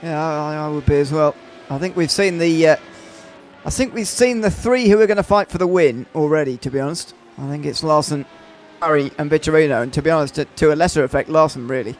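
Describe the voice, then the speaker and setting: A man's voice: fairly high pitch, a little fast, a little hiss or hum. A man commentating on a motor race, hesitant with many fillers and restarts.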